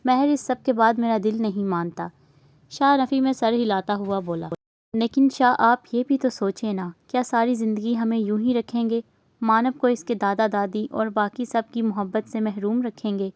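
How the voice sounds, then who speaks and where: A woman with an Urdu accent reading a romance novel aloud, voicing dialogue and narration in a steady, even way. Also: fairly high pitch, normal speed, no echo. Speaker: novel reader.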